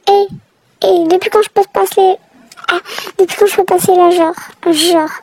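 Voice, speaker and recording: A woman's voice: very high voice, steady tone, moderate pace, vocal fry, background noise. A woman giving chatty, exasperated running commentary while she plays a game. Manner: chatty, reacting aloud, exasperated. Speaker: gamer narrating her play.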